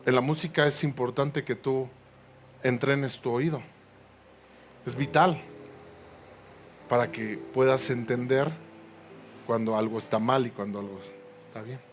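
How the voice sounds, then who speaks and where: A man preaching to a congregation. His pitch climbs to emphatic peaks and drops to quiet, slow stresses, with call-and-response prompts and joking asides. Faint room noise sits behind him. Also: steady tone. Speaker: pastor. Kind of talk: sermon. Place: church sanctuary.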